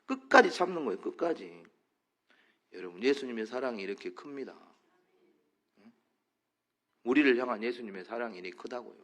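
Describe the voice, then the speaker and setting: Animated Korean pastor preaching. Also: male voice, mid-range voice, a little fast, pauses often. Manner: animated preaching, acting out quotes, asking the congregation questions. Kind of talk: sermon. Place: church.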